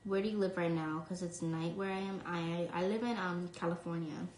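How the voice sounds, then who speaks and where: A young New York woman chats casually on a phone live stream, reading fan questions aloud and answering them with plenty of "um" and "like." Her voice sits fairly low with fairly even intonation and a moderate pace. The room is echoey and the background is noisy.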